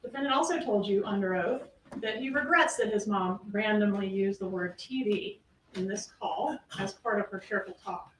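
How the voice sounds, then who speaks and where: A woman's voice: mid-range voice, normal speed. Woman prosecutor, closing argument, pointed questions, roomy and distant courtroom audio with faint noise. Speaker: trial prosecutor. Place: large courtroom. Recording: echoey courtroom audio from far off.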